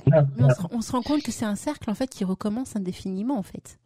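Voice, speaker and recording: A woman's voice: medium pitch, lively intonation, quick pace, dark tone, no echo, clean studio sound. A woman hosting a radio show, speaking chattily to her guest and addressing listeners directly. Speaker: radio host.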